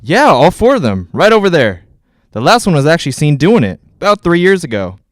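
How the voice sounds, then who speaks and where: A man with a slightly high voice and wide pitch swings speaks briskly as a plain-spoken, dismissive real estate agent in a 1940s-style radio drama. His folksy telling stays matter-of-fact. The studio-quality recording has no room sound.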